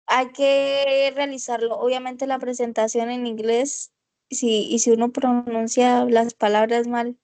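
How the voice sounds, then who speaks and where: Slow, hesitant female student. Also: fairly high pitch, flat delivery, a little mellow. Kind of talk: asking a question in class.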